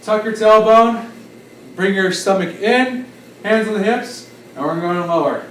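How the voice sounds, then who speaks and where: A man's voice: high voice, measured pace, a bit bright, a little hiss or hum. A man leading an exercise class as instructor, giving short encouraging cues and counts. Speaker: fitness instructor. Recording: roomy echo, distant mic, background music. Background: music.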